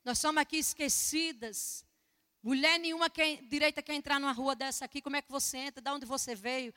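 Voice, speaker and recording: Stern older madam, blunt and high-pitched, echoey room; a woman preacher puts her on. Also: fairly even intonation, a little fast, sharp tone. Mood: suspicious. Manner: blunt, questioning. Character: stern older woman brothel keeper, wary then warm. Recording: echoey church hall.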